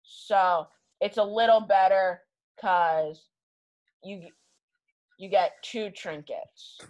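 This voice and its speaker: A woman acting as game master, narrating a tabletop game casually in a halting, improvised way. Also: mid-range voice, darkish tone, low-quality recording.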